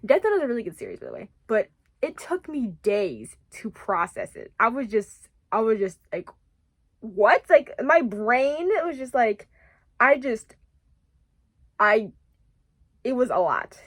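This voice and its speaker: Young woman vlogger, high bright voice, super rambly and excitable, lots of restarts, dry close mic. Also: measured pace, no echo. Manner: rambling and excitable, full of restarts and emphatic repeats. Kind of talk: casual chat.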